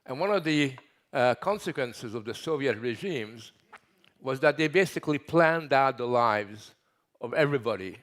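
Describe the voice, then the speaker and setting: A man's voice: medium pitch, lively intonation, a bit bright. Older Hungarian-born man giving an emphatic speech. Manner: emphatic, building lists with pauses. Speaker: conference speaker. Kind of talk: welcome speech at a conference. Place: conference hall, at a lectern. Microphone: headset mic.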